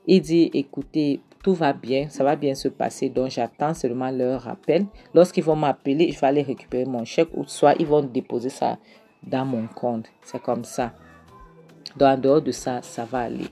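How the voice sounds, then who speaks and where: A woman voicing a stressed middle-aged father who speaks in a low, subdued voice to reassure his daughter. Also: steady tone, moderate pace, mellow, faint music behind. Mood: subdued reassuring.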